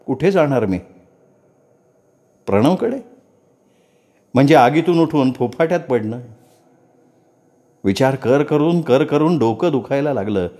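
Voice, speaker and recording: A man reading a story aloud in an expressive first-person narration. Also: medium pitch.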